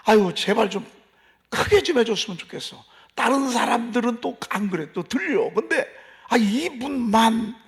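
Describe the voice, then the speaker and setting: Gravelly folksy Korean pastor preaching. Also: male voice, very high-pitched, lively intonation, moderate pace. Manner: folksy, emphatic, repeats phrases and asks the congregation questions. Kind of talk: dawn service sermon. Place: church sanctuary.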